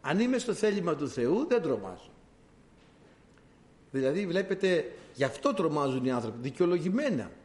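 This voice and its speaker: Animated male preacher. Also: a little high. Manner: animated storytelling, addresses listeners as dear brothers. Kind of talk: sermon.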